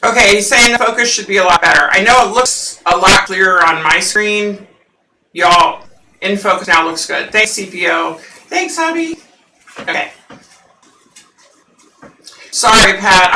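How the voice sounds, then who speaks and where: A psychic host with a scratchy, husky voice rambles through a casual home livestream chat with her viewers, packing her talk with fillers. Her mid-range voice sounds bright and forceful. The recording is roomy, with her sitting far from the mic.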